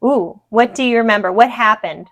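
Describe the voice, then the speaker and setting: An American woman gently prompting as interviewer in a casual family conversation. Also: fairly high pitch, normal speed. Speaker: interviewer, granddaughter.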